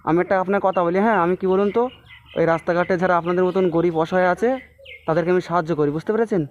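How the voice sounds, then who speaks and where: A man with a West Bengal accent, asking gentle, coaxing questions as a vlogger helping the poor. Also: sits high, fairly even intonation, fast. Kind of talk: street vlog interview. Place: outdoors on a busy street. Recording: muffled audio with street noise.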